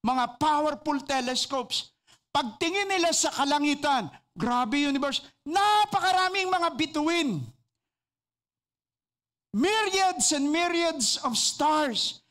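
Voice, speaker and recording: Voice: high-pitched, slow. A preacher with a Filipino accent giving a radio sermon, mixing English and Filipino and asking the listeners rhetorical questions. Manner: preaches with lively emphasis, stressing key words.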